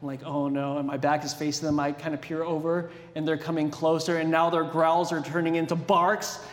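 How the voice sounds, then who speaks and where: A man preaching a sermon and telling a personal story in an animated, self-deprecating way. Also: a little high, a little fast. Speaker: pastor. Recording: echoey hall with long reverb.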